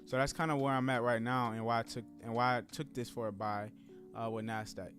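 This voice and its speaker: A man in his thirties talking casually to his live-stream viewers, calling them guys and y'all. He rambles in a relaxed way at a medium pitch. Faint music plays underneath. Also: fairly quick. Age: 30s. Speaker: trading streamer.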